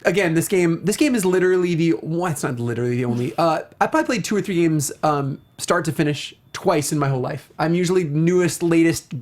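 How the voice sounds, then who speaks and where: Speaking fast with hardly any pauses, a man with a voice on the high side hosts a casual show discussing film and video games. His delivery is effusive and enthusiastic.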